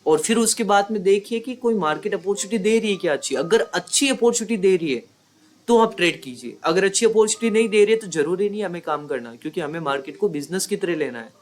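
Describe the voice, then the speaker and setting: A man's voice: sits high, lively intonation, quick pace. A man teaching as a trading mentor, talking in a conversational way and often checking in with his listeners. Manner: conversational, repeats points with rhetorical checks. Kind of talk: explanatory lesson.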